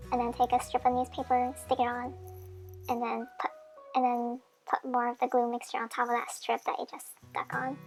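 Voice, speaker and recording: A woman's voice sped up into a chipmunk voice, giving a chatty, friendly craft how-to voice-over with small slips. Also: sits high. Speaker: craft tutorial maker.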